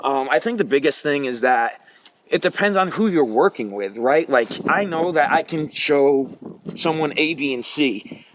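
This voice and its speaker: An American jiu-jitsu coach and competitor in his forties answers interview questions casually and emphatically, using colloquial phrasing peppered with "you know." His fairly high voice is expressive at a moderate pace, and the noisy recording has clicks.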